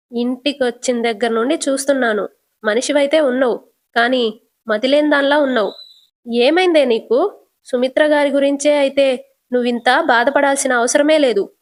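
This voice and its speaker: A woman's voice: high-pitched, steady tone, moderate pace, long pauses, natural voice. A woman voicing an older mother-in-law who scolds her daughter-in-law. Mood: scolding. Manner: scolding, reproachful.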